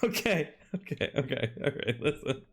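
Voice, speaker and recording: A man's voice: medium pitch, animated, moderate pace. A young man chatting casually while gaming, with a slangy, sweary frat-bro way of talking. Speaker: gamer playing an online raid. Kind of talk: casual gameplay chat.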